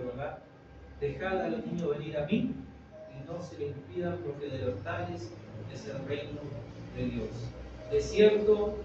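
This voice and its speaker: An older man preaches to his congregation in a relaxed, chatty sermon, checking in with them again and again. His voice sits a little high and sounds distant, in a very reverberant meeting room. The recording is dull and noisy. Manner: conversational preaching, frequent tag questions to the congregation. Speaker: pastor.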